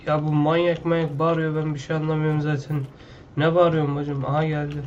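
A man's voice: a little high, level tone, a little fast, muffled recording, slight background noise. A man playing a video game at his computer, talking loosely and with slang, half to himself, in casual gameplay commentary. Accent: Turkish. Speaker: gaming YouTuber.

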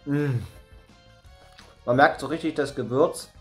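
A man's voice: medium pitch, slow, fairly bright tone. A young man hosts a casual snack tasting, crunching chips between remarks. His mid-range voice is laid-back and slangy, dropping short phrases and munching hums. A bag crinkles and light music plays behind him. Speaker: food review video host. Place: indoors in a room with bookshelves.

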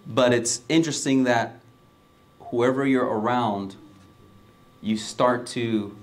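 A man from Wisconsin leading a church prayer and benediction in an earnest, measured way. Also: medium pitch. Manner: earnest, measured, with repeated "Lord". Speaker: preacher.

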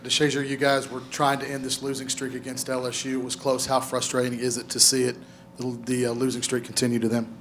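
Fast-talking male reporter off-mic. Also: mid-range voice, completely flat delivery, fairly bright tone, a little hiss or hum. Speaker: sports reporter. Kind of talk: press conference question. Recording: off-mic in a room.

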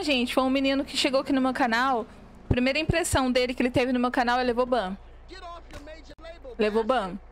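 A woman's voice: high-pitched, a little hiss or hum. A young woman from Minas Gerais with a Minas Gerais accent, chatting casually with viewers as a game streamer and reading the chat aloud. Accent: Minas Gerais Portuguese. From Minas Gerais, Brazil. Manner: chatty, reads chat aloud, mixes in English words.

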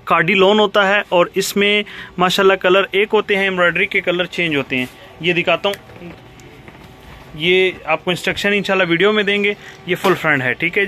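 A man with a Pakistani accent giving an eager teleshopping sales pitch, repeating praise and prices as he presents stock. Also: bright, forceful tone, a little hiss or hum. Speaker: cloth shop seller presenting stock. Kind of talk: sales pitch for a product video. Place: fabric shop, indoors.

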